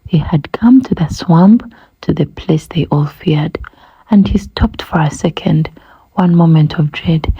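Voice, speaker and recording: A woman reading a rhyming children's book aloud, gentle and rhythmic, often dropping to a breathy whisper. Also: sits low, unhurried, highs cut off. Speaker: storybook reader.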